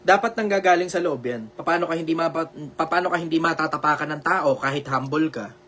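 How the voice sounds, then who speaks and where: Speaking a little fast in a fairly high voice, this Filipino host runs a loud live advice show over a video call, responding to viewers' questions. He's emphatic, blunt, repetitive, and preachy, swears often, and explains that his volume is intentional for social media.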